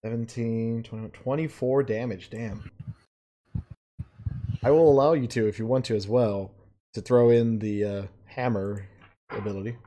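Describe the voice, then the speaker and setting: A man running a tabletop game as game master over an online voice call, casual and quick to swear. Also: mid-range voice, fairly even intonation, dark tone, slight background noise. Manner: casual, swears freely, quick bursts of narration.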